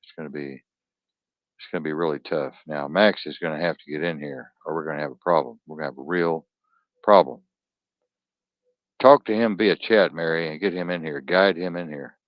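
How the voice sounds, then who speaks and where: A man's voice: extremely low pitch, fairly even intonation, brisk, no room sound, highs cut off. A man hosting an online talk stream, tired, rambling and profane, barking orders at his producer.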